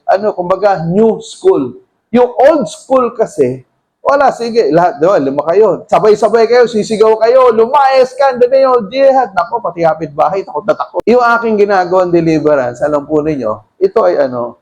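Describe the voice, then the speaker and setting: A middle-aged Filipino pastor preaching a sermon in mixed Tagalog and English, emphatic, with sudden raised bursts. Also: male voice, high-pitched, low-quality recording.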